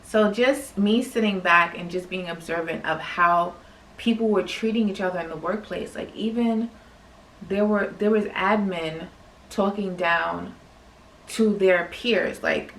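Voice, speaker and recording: A young woman from New York, a teacher, telling a casual story to camera in a chatty, animated way with lots of "like". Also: mid-range voice, measured pace, roomy sound, recorded from a distance, a little hiss or hum, poor audio. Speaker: vlogger and teacher.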